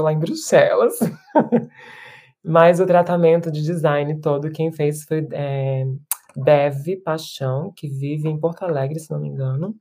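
A woman's voice: low voice, darkish tone. A woman in her thirties, a musician and performer, talking reflectively in an interview with restarts and tag questions. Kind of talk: casual interview talk.

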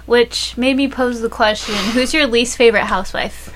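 A woman co-hosting a casual reality TV recap, enthusiastic and quick to laugh. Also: a little high, steady tone. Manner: giggly, enthusiastic, laughs often. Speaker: podcast co-host.

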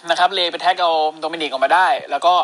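A man's voice: a little high, fast talker, fairly bright tone. A man with a Thai accent co-hosting a podcast, recapping wrestling in crude, joking casual chat and acting out lines. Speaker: podcast co-host.

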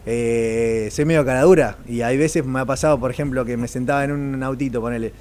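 Animated Argentine man telling stories. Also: mid-range voice, a little fast. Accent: Argentine Spanish. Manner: animated storyteller, acts out dialogue. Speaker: race car driver guest. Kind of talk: casual anecdote telling.

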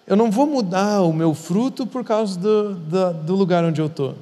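A pastor with a high, mellow voice teaches at a moderate pace in an earnest, conversational way, repeating words for emphasis. The recording carries a long hall reverb.

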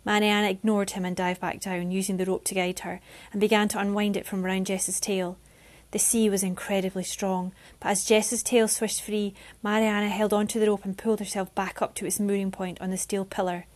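A woman reading a novel chapter aloud with steady, expressive narration. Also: medium pitch, brisk, few pauses. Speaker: reader.

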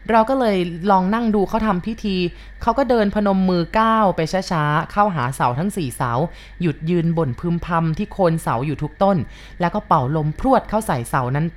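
A woman tells a ghost story at an even, unhurried pace. Her voice sits a little low for a woman, and she keeps the reading calm and steady.

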